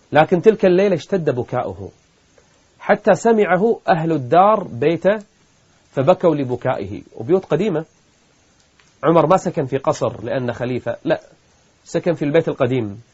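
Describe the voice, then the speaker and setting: Impassioned preacher with a lifted voice. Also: male voice, fairly high pitch, lively intonation, fairly quick, pauses often, darkish tone, lo-fi sound. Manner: impassioned, rising to emphatic peaks. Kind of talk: emotional sermon with Quranic recitation.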